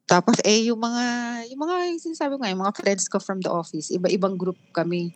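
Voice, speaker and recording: Filipina na nag-iisip habang nagkukuwento. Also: female voice, medium pitch. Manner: candid, halting, many restarts and fillers. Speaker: guest. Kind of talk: emotional personal interview.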